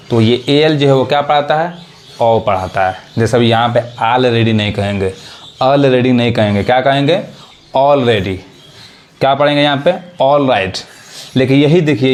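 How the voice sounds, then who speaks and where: A man teaching English pronunciation rules in Hindi, repeating his points and often checking whether his listeners understand. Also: medium pitch. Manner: repetitive teaching, asks "samajh mein aa raha hai?". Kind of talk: classroom explanation.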